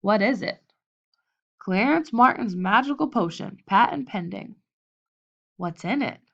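A woman's voice: mid-range voice, lively intonation, a little slow, vocal fry, a bit bright, full character voice. A woman voicing a shy teenage boy who asks hesitant, curious questions, in a lo-fi audiobook recording.

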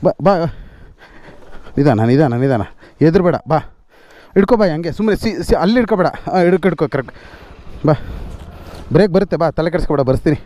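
Fast-talking high-voiced man on a trail. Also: animated, dark tone. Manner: calls out quick instructions to fellow riders, repeats words, laughs often. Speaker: motovlogger leading an off-road ride. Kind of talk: casual on-the-spot vlog talk. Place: outdoors on a forest dirt trail.

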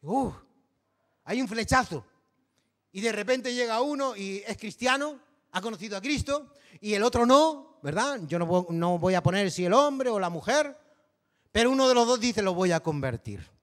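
Canarian pastor guy preaching, high voice, chatty, keeps asking the crowd stuff, big reverby hall. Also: expressive, moderate pace. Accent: Canary Islands Spanish. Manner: conversational preaching, peppered with rhetorical tags. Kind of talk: sermon.

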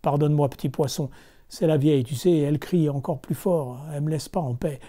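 Meek old fisherman read by a man, gentle, humble, very mellow dark voice, storybook. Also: on the high side, steady tone, fairly quick, close to an everyday voice.

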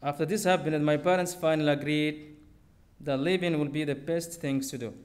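A young man from Somalia, reading a personal story aloud from notes at a lectern on a theater stage, into a podium microphone, with simple, steady phrasing. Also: on the high side, moderate pace. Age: young adult.

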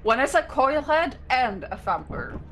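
A woman's voice: high-pitched, big pitch swings, measured pace, fairly bright tone, faint music behind. A woman teammate on voice chat, teasing and laughing during a game. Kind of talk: casual gaming chat. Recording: slightly noisy voice chat.

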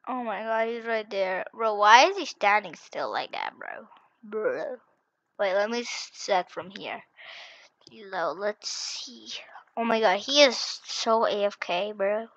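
A young woman commentating a hide-and-seek video game in a frantic, excitable way, repeating herself and dropping to whispers when hiding. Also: mid-range voice, slow, no room sound, lo-fi sound. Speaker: gaming channel host.

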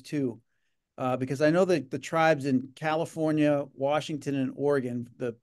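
This is a middle-aged gaming association leader in a casual interview, calling in by webcam video from his home office. He speaks in a medium-pitched, slightly mellow voice and rambles, repeating words and using many fillers.

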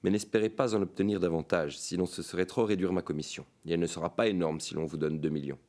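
A man reading aloud and voicing a nervous, scheming male gem broker who presses a hurried bargain. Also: low-pitched, fairly even intonation, a little mellow, natural voice. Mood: pressing.

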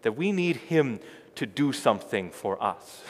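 Inside a large church sanctuary, a middle-aged pastor delivers an unhurried sermon in a mid-range voice with big pitch swings. He repeats phrases emphatically, growing loud before dropping soft, and the recording carries long church reverb.

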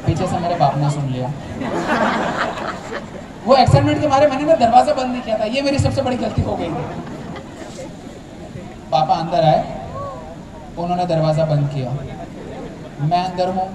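Young male stand-up comic, high voice, animated storyteller, filmed far off in an echoey hall. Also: moderate pace, pauses often. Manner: animated storytelling, acting out family members. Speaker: stand-up comedian. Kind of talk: live stand-up comedy. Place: large tented college hall with a seated crowd. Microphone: handheld mic, filmed from far back in the audience. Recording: distant echoey hall with crowd noise. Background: audience laughter and chatter.

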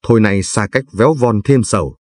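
A man voicing a gentle talking tooth that softly chants advice in verse to an old man, with a husky, low voice. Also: fairly quick, no room sound, close to an everyday voice. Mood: pleading. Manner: soft sing-song verse chanting.

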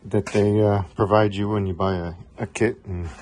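In his home garage, a middle-aged HVAC technician casually shows off a test tool he built himself, rambling in a relaxed way and filling his speech with fillers. His voice is fairly low and moves at a moderate pace. It was picked up by the camera mic with him off-frame behind the camera, and there's slight background noise.

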